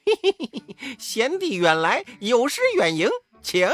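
一位男子在故事中扮演猴王孙悟空，语调高扬，常嘿嘿笑，口气张扬。. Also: male voice, high voice, huge pitch swings, measured pace, pushed and bright, no room sound, soft background music, voice pushed up, exaggerated voice. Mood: cocky. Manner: laughing "heh heh", brash cries. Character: cheeky boastful male Monkey King, bold and spry.

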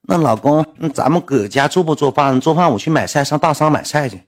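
A man voicing a young wife coaxing her husband in a wheedling, sing-song tone, pitched above his own voice. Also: lively intonation, a little fast.

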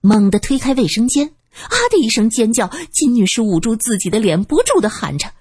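A woman tells a serialized story with expressive, lively delivery. Her voice is husky and moves widely in pitch. The recording is dry and close. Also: brisk, dry recording. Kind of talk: storybook narration.

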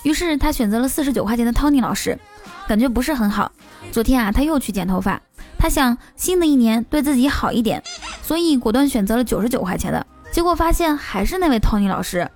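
A woman's voice: fairly high pitch, animated, fast, a little mellow, faint music behind. A woman hosting a playful comic monologue with teasing jokes. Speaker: host.

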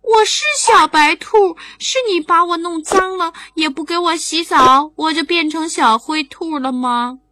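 Woman doing a squeaky little bunny. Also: unhurried, few pauses, sharp tone, heavily acted. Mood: insistent.

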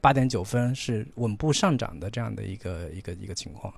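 A man's voice: on the low side, expressive, a little fast, vocal fry, dry recording. A man co-hosting a podcast who chats casually about films and repeats words as he thinks. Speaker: podcast co-host. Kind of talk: casual film discussion.

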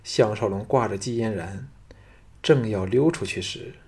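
A man narrating a martial-arts fantasy novel as an audiobook reader, in steady storytelling. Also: on the low side, measured pace, breathy edge.

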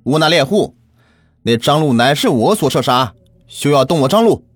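A man's voice: medium pitch, big pitch swings, moderate pace, breathy edge, dry recording, studio quality. A man voicing an arrogant, domineering Ming-era local tyrant who barks orders, in a spoken ghost-story telling. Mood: bullying.

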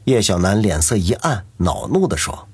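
A man reads a novel aloud as its narrator, his voice low and very husky. He tells the story steadily, with a lively rise and fall, over faint background music. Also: moderate pace, no room sound, studio quality. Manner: steady storytelling, doing every character. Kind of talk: audiobook narration.

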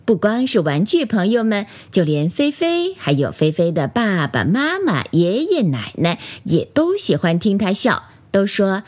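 A woman narrating a children's bedtime story, gentle and animated, speaking to little listeners. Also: mid-range voice, a little slow, hardly any pauses.

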